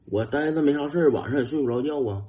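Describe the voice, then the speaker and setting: A young man with a Northeastern Mandarin accent telling a funny anecdote in a lively, casual way, mimicking engine noises and chuckling. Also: fairly high pitch, racing. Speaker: storyteller.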